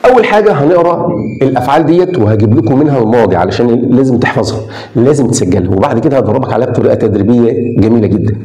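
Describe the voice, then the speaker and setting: A man with an Egyptian Arabic accent teaching a beginner English lesson, repeating each word slowly as a drill. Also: mid-range voice, expressive, mellow, roomy sound, rough recording.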